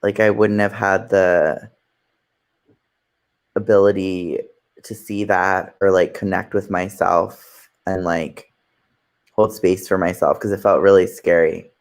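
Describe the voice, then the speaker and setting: A man's voice: low-pitched, little pitch movement, slow pace, long pauses. A man in his thirties, a yoga teacher speaking as an interview guest in a casual, filler-heavy way. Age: 30s.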